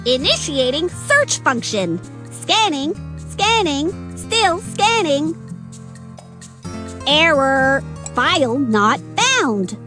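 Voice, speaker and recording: A woman's voice: sits high, big pitch swings, very slow, pauses often, pushed and bright, soft background music, full character voice. A woman voicing a chirpy, cheerful male robot prince who talks in clipped robotic phrases. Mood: mechanical.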